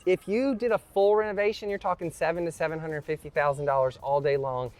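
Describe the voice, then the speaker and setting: A man with a fairly high, slightly mellow voice and a steady tone talks quickly as he hosts a house walkthrough. Having just climbed, he's short of breath, yet he chats and jokes about the prices and the cost of renovating.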